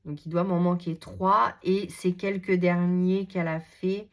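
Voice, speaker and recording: A woman's voice: on the low side, little pitch movement, a little slow. A woman hosting a craft channel, leafing through her collection in a casual, hesitant way with many fillers and enthusiastic repeats. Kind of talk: casual product show-and-tell.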